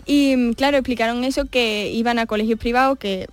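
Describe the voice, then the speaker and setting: A woman's voice: fairly high pitch, steady tone, fairly quick. A woman with an Andalusian accent, a regular radio contributor explaining things in casual chat in a studio. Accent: Andalusian Spanish.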